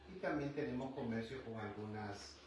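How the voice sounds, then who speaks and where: A man in his fifties, a guest in a livestream interview, speaking calmly and conversationally with pauses and fillers. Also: mid-range voice. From Honduras. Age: 50s. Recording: very echoey room, far from mic, some noise.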